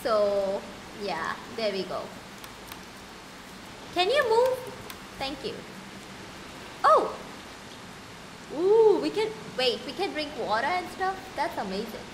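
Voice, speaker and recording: A woman's voice: high-pitched, sing-song, slow pace, pauses often, slight background noise. A woman streaming a game live, chatting casually and giggling with her viewers.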